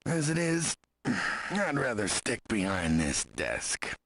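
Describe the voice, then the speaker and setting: Gruff, weary, husky desk sergeant. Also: male voice, fairly low pitch, huge pitch swings, slow pace, fairly bright tone, exaggerated voice. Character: weary gruff middle-aged New Orleans desk sergeant. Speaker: police desk sergeant in an adventure game. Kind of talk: video game voice acting.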